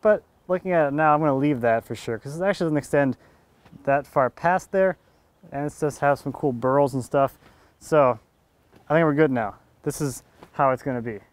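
Outdoors in a sawmill yard, a woodworker in his thirties who runs the mill explains his work while sawing a log. His voice is a little high and moderately paced, and he thinks aloud casually, chuckling now and then.

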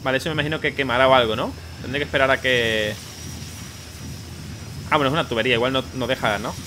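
A young man giving excitable, swearing let's play commentary, yelping at scares. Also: mid-range voice, fast, noisy background. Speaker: gaming YouTuber. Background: game music.

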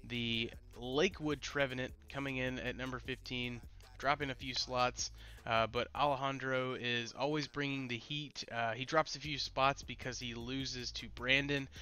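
With a clean, sharp tone in the mid range, a male esports league commentator hosts solo rankings talk. He sounds congested from a cold he's getting over, his voice nasal as if his nose were pinched.

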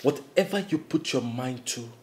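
A man's voice: medium pitch, lively intonation, moderate pace, a little hiss or hum, natural voice. A man playing an exuberant, boastful young boyfriend and aspiring star in a film drama, with a Nigerian accent and a preachy, repetitive manner. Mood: preachy, excited. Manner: preachy, emphatic, repeats himself. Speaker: actor in a film. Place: furnished living room and bedroom indoors.

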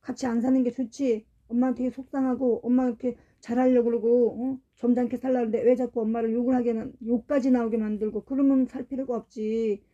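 A woman's voice: fairly high pitch, level tone, brisk, few pauses, dark tone, highs cut off. A middle-aged woman preaching a sermon, speaking with emotion, telling family stories and asking the congregation rhetorical questions.

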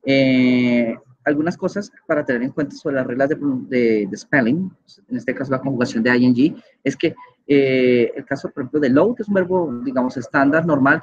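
A man's voice: medium pitch, husky, dull audio. A man giving an online grammar lecture as a teacher, patient and explanatory, often checking in with his listeners. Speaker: English teacher.

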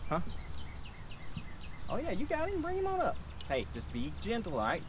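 A man's voice: sits high, huge pitch swings, normal speed. A young man hosting a fishing video from a small boat, coaching his wife as she reels in catfish, in a casual, instructive way. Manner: coaching, talks his wife through landing fish. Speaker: fishing channel host. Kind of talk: casual outdoor fishing chat. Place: small boat on a river outdoors. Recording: loud outdoor wind and water noise.

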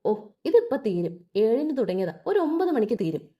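A woman's voice: on the high side, very animated, normal speed, husky, muffled recording. A woman voicing a spiteful older aunt who speaks with false sweetness and scorn. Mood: mocking.

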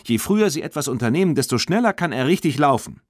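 A man's voice: on the high side, sing-song, fast, no room sound, clean studio sound, pitched above the performer's own voice. A male audiobook reader voicing Bibi, an eager teenage girl arguing earnestly for a foal. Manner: earnest, persuasive. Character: eager teenage girl backing her friend. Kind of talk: audiobook reading.

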